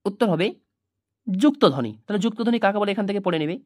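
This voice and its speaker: A woman teaches through a run of exam questions, her pitch rising sharply each time she announces the next one. Her voice moves in a lively, animated way. The recording is dry, with no room sound. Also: fast, no room sound. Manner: rising emphatic pitch on each new question, drilling answers. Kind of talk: exam question-and-answer lesson.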